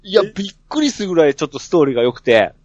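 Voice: medium pitch, big pitch swings, very fast, a little mellow, no echo, dull audio. Cohost firing off playful questions, voice goes up and down a lot. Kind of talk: casual chat.

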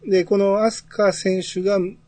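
A man's voice: sits high, flat delivery, moderate pace, a little mellow, no room sound. A man chatting casually as the host of a podcast. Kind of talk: casual chat.

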